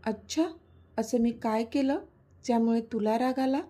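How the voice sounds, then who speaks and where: A woman's voice: fairly high pitch, steady tone, measured pace, mellow. A woman voicing a playful, teasing young man, the romantic lead of a spoken story.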